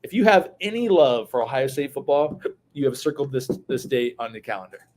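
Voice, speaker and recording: A man's voice: mid-range voice, sing-song, a little fast, darkish tone. A man, co-hosting a casual chat while he has the hiccups, often repeating words as he starts sentences. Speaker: podcast co-host.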